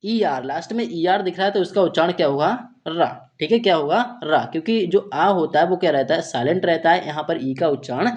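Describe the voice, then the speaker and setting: A man teaching English reading in Hindi, explaining letter sounds slowly and patiently, often asking himself questions and answering them. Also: a little high, dull audio. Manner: repeats "theek hai" and asks himself questions; slow, patient, step-by-step explaining. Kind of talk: Hindi-language phonics lesson.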